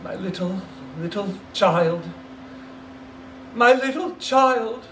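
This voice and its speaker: A man's voice: sits high, slow pace, fairly bright tone, roomy sound, far from the mic, slight background noise, voice pushed up. A man playing a kindly, grieving poor father in a storybook reading, tender and emotional. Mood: breaking grief.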